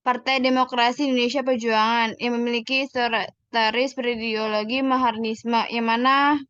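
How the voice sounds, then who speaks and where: A woman's voice: on the high side, flat delivery, normal speed, a bit bright, clean tone, no echo, muffled recording. Young woman reading a school presentation aloud. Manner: reads aloud with restarts and slips.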